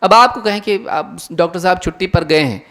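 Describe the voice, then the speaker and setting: A man's voice: high-pitched, bright, forceful tone. A man giving an earnest religious lecture to an audience, asking many rhetorical questions. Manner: earnest, rhetorical questions, mimics imagined listeners. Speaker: Islamic lecturer. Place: lecture hall.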